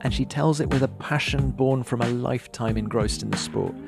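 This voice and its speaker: A man's voice: mid-range voice, a little fast, vocal fry, over music. A man hosting a podcast, friendly and upbeat as he interviews and signs off. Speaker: podcast host. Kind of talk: podcast interview and scripted outro.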